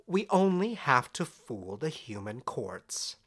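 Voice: medium pitch, very animated, slow pace, a bit bright, slightly rough, full character voice. An actor playing Puck's part as a scheming, flamboyant fairy, charming and smug, in a conversational audio drama. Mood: conspiratorial, smug. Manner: theatrical, sly, emphatic.

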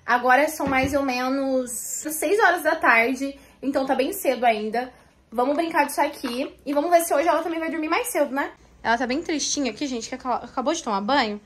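A woman's voice: sits high, a little fast, slight background noise. A young woman chatting to viewers while filming her family at home on a phone. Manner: lively, chatty, talks to viewers. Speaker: vlogger mother. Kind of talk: family vlog chat. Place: home indoors. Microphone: phone camera.

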